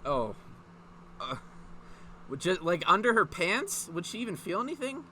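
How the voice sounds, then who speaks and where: Hosting a comedic fan fiction reading, this man reads casually with profanity and mock exasperation, frequently bursting into laughter at what he reads. He has a high voice, very animated, pushed and bright, going at normal speed. There's a little background noise.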